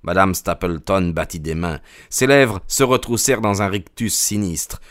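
Low-voiced male audiobook narrator. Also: steady tone, normal speed, a bit bright, dry recording, studio quality.

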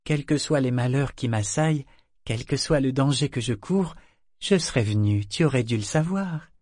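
A man's voice: mid-range voice, normal speed, a little mellow, dry recording, clean studio sound, lightly acted. A man reading an audiobook voices a tearful, dutiful young noblewoman in a raised, pleading voice. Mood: tender, resigned.

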